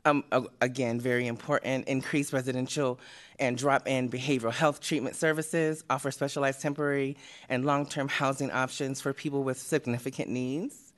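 Woman, out of breath, committee member, halting presentation, many fillers, public meeting. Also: very deep voice, steady tone. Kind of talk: reading a presentation.

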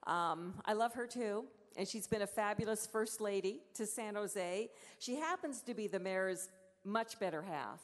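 A woman's voice: medium pitch, animated, unhurried. A woman emceeing a civic celebration from the stage, chatty and playful, bantering and laughing. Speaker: emcee of the event. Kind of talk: lively stage hosting. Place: large hall on stage. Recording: echoey hall with crowd behind.

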